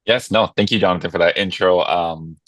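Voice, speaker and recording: A man's voice: low voice, fairly quick, fairly bright tone, no echo. A man from Hawaii in his thirties or forties, a guest telling his story in a friendly, self-deprecating way with many fillers. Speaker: guest, nonprofit marketing director. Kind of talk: casual interview chat.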